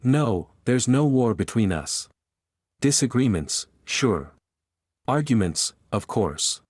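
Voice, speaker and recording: A man's voice: mid-range voice, big pitch swings, takes it slowly, a little mellow, slightly rough, dry recording, studio quality, full character voice. A man voicing a playful, teasing young woman in an audiobook romance.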